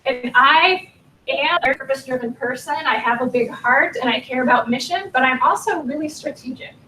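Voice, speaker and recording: A woman's voice: sits high, normal speed, sharp tone, a little hiss or hum. A woman in her forties giving a workshop talk, earnest and encouraging, her voice a little strained. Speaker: workshop speaker. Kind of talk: workshop presentation. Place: meeting room. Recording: echoey room, mic at a distance.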